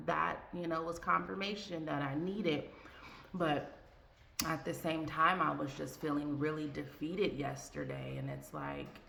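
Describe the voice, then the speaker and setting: A woman with a low, gravelly voice shares her faith in a casual vlog, rambling and heartfelt, full of fillers and restarts. The sound is roomy and echoey. A faint hiss sits under it. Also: pushed and bright. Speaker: vlogger. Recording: echoey room with faint ambient noise.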